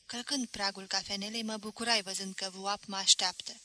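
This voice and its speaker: A woman reading a literary novel aloud as an audiobook, steady and expressive. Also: medium pitch. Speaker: audiobook reader.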